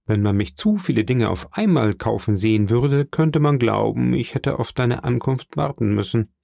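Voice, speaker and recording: A man reading an audiobook, voicing a frail, gentle old father who speaks softly and wearily. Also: mid-range voice, animated, moderate pace, gravelly, no echo, clean studio sound. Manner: soft, weary, hesitant. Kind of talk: audiobook character voice.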